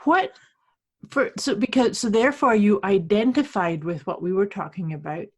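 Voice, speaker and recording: A woman from Canada speaking as a podcast host and coach, teaching conversationally in a polite, measured, explanatory way. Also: medium pitch, slightly rough.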